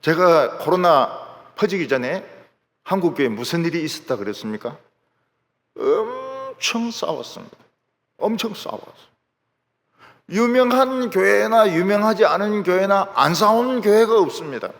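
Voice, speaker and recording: A male pastor preaches in a large church sanctuary, telling stories animatedly and acting out the people and quotes in them. His voice sits high, his pace is moderate, and the hall adds a long reverb.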